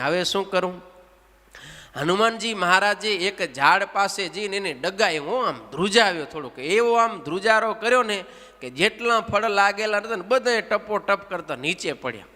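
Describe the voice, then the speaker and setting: A man's voice: sits high, big-room sound. A man animatedly reciting a devotional story, asking his listeners questions and leading the chanting. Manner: animated, asks the audience questions, leads chanting. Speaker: religious storyteller.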